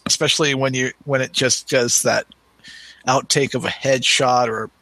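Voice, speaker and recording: A man co-hosting a casual podcast, speaking in a halting way with many restarts. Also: medium pitch, fairly even intonation, pushed and bright, slight background noise, low-quality recording. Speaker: podcast co-host.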